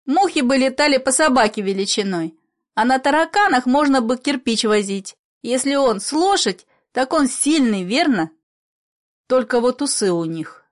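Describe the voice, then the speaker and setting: A woman's voice: expressive, normal speed. A woman voicing an eager little bedridden boy. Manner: eager, high childish questions.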